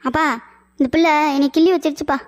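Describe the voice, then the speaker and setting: Woman voicing a little cartoon boy, whiny, pleading, tattling, high voice. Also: fairly even intonation, fast talker, darkish tone, soft background music, lightly acted. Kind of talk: animated cartoon voice acting.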